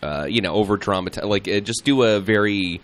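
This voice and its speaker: A man's voice: fairly low pitch, a little fast. A man co-hosting a radio show, playfully teasing his partner in casual banter. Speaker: radio co-host.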